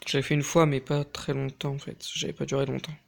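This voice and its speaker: A young man giving casual, crude commentary while playing a mobile game, talking fast and nervously, swearing often. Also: mid-range voice, flat delivery, vocal fry. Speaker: mobile gaming YouTuber.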